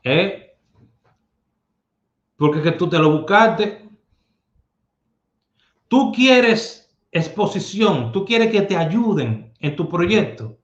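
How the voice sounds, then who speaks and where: High-voiced man, emphatic. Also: expressive, very slow, long pauses. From Dominican Republic. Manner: emphatic and streetwise, with rhetorical tag questions. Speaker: lottery numerologist host. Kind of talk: casual advice monologue. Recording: echoey room, dull lo-fi sound.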